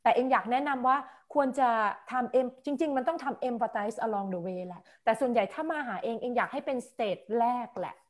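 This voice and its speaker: Woman, consultant, podcast chat, fairly high voice, animated, exclaims agreement. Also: moderate pace, hardly any pauses. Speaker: innovation consultant. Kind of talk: casual podcast talk.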